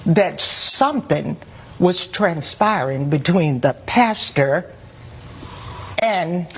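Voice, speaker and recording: A middle-aged woman giving courtroom testimony as a witness, speaking in a formal, deliberate, indignant manner. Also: on the low side, animated, breathy edge. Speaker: court witness, church secretary.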